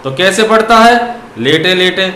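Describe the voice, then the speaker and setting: High-voiced man teaching grammar in an echoey room. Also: lively intonation, moderate pace, bright, forceful tone. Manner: asks questions and answers them himself; drags out words when dictating examples. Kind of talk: classroom grammar lesson. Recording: echoey room with faint noise.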